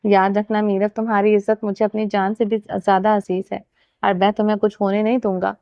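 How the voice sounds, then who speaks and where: A woman's voice: mid-range voice, little pitch movement, clean tone, dry recording, dull audio, close to an everyday voice. A woman voicing a devoted, protective husband in her own earnest reading voice. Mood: tender, resolute.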